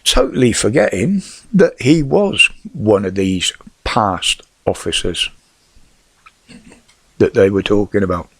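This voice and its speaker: A man's voice: fairly low pitch, slow, creaky, breathy edge, no echo. A middle-aged British man with a whistle on his s sounds from false teeth, giving blunt, sweary, casual opinions on the news. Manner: blunt, sweary, rhetorical questions.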